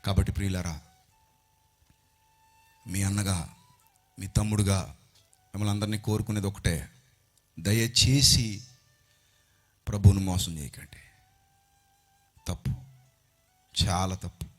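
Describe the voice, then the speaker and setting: A man preaching a sermon into a handheld mic on stage, impassioned, swinging from loud outbursts to hushed pleading. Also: sits low, steady tone, measured pace, long pauses, faint music behind.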